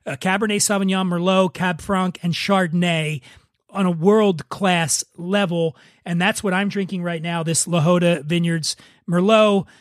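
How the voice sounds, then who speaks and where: In a studio-quality, dry recording, a high-pitched man hosts a podcast about wine, chatting casually and explaining with enthusiasm while dropping the occasional swear word.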